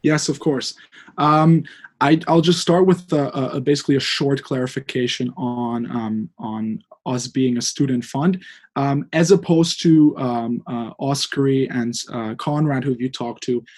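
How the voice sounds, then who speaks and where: A man's voice: mid-range voice, unhurried, darkish tone. A man in his twenties from Hungary, a guest director of a student fund, answering thoughtfully with many fillers and hedges. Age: 20s. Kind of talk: interview.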